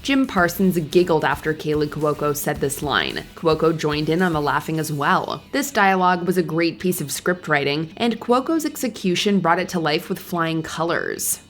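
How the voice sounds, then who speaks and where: A woman reading scripted countdown narration in a clear, measured presenter style. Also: deep voice, animated.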